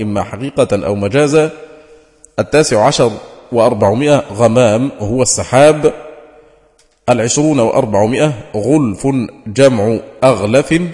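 A man reads a classical glossary aloud for an audiobook, one numbered entry at a time. His pitch sits in an ordinary middle range. A long reverb trails after each phrase, as if recorded in a large hall. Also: a little mellow. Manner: measured, deliberate entry-by-entry delivery. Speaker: sheikh reading an audiobook. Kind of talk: scripted reading of a classical glossary.

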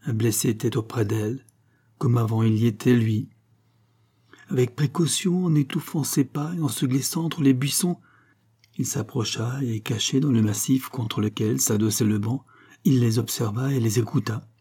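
A man reading a short story aloud in a calm, measured way. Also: medium pitch, breathy edge. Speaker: audiobook narrator.

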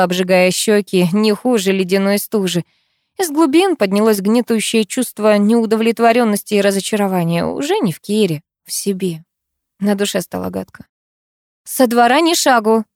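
A woman reading a first-person story aloud, with an expressive, emotional delivery. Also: medium pitch, no room sound, studio quality. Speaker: narrator. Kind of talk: first-person audiobook narration.

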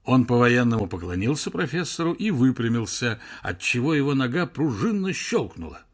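Animated male audiobook narrator. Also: mid-range voice, moderate pace.

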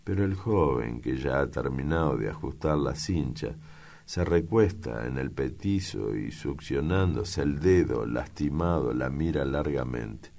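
Man reading a classic novel, very low and unhurried. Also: animated, vocal fry, darkish tone. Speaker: audiobook reader. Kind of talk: literary narration.

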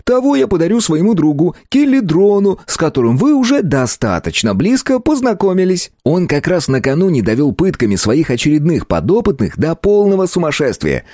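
Guy doing a cool, mean elf prince, voice pitched up a bit, sneering and calm. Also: no room sound, studio quality. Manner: calm, mocking, menacing. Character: eerily calm cruel elf prince interrogator. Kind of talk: audiobook character voice.

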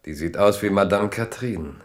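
This radio drama narrator is male with a low, deep pitch. He tells the literary passage in a storyteller's manner, keeping his pace measured and his tone dramatic.

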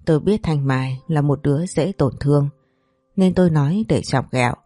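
Mellow-voiced woman narrating a story. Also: sits low, normal speed, no room sound. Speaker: audiobook narrator. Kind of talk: first-person romance story narration.

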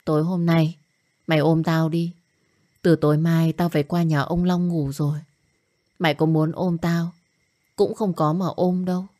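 A woman voicing a young woman who is sad and downtrodden, speaking softly through tears. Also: low voice, flat delivery, moderate pace, long pauses, natural voice. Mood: tender.

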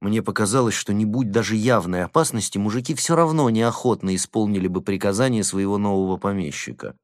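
A man narrating a classic novel with an expressive, dramatic reading. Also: lowish voice, fairly quick, dry recording, clean studio sound. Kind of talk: literary audiobook narration.

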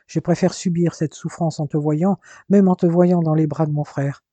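A man voicing a lovesick, sorrowful young man, subdued and pleading, with a husky voice. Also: fairly high pitch, steady tone, moderate pace, mellow, no echo, lightly acted.

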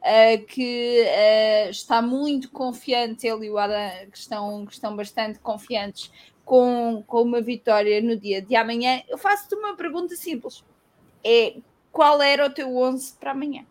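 A woman's voice: a little high, measured pace. A woman with a European Portuguese accent hosting a casual football chat and putting direct questions to her guest. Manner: conversational, asks direct questions. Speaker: host.

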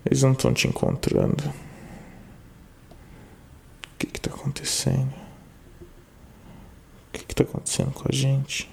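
Guy doing a sorry husband begging on voicemail, super gravelly, faint hiss behind. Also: mid-range voice, monotone, fast talker. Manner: pleading, remorseful, quiet. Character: remorseful husband pleading with his missing wife. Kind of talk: short film drama acting.

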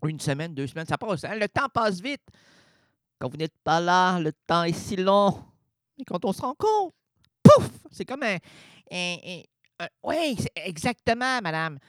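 Man, voice run through a changer filter, pitch swinging widely, slow rambling stammered comedy bit. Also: very animated, fairly bright tone. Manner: stammering, jokey wordplay. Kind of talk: rambling comic monologue.

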